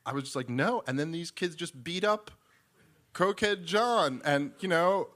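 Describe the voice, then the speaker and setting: A man doing stand-up, telling a rambling story with animated, mock-exasperated delivery. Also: a little high, moderate pace. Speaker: comedian.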